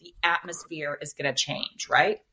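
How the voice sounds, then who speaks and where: Earnest woman coach explaining calmly. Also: deep voice, normal speed, slightly rough. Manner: earnest, explanatory, tags points with "right?". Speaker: divorce coach guest. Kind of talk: podcast interview.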